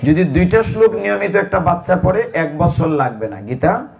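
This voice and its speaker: Devotional preacher, man, fairly high voice, storytelling sermon, poses questions to the congregation and answers them himself. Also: lively intonation, moderate pace, creaky, soft background music. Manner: talks directly to children in the audience.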